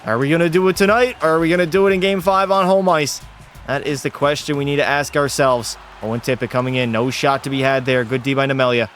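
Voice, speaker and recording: A young man hosting a gaming channel, giving play-by-play commentary and swinging from calm calls to swearing outbursts. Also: mid-range voice, fast talker, soft background music.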